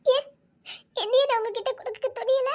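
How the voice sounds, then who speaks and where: A woman's voice: very high voice, fairly even intonation, brisk, darkish tone. A woman with a Tirunelveli Tamil accent playing a heartbroken young woman who pleads tearfully, with nervous laughs. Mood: pleading, hurt. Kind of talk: romantic short-drama acting.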